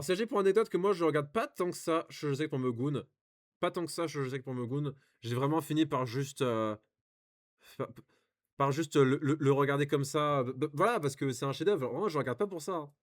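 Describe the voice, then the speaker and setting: Rambling French-accented young man. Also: on the high side. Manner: rambling, many fillers and restarts. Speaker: anime reviewer reading reviews. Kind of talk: casual commentary, reading aloud.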